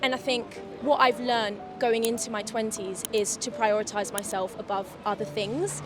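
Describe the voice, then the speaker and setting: A woman's voice: on the high side, fairly even intonation, normal speed, music in the background. A woman in her early twenties, answering a street interview with many hesitant fillers. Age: young adult.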